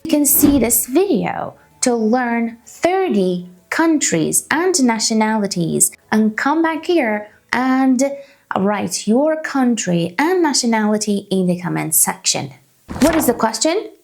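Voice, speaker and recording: A woman in her thirties from Canada, an English teacher giving a slow beginner lesson and repeating each phrase carefully for learners. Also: on the high side, gravelly, a little mellow. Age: 30s. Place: small room indoors.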